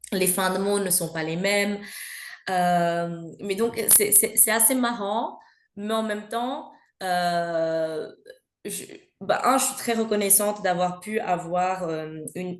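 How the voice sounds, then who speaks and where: A woman with a Belgian French accent, speaking as an interview guest in a conversational, hesitant way with frequent filler sounds. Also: on the low side. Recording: roomy echo.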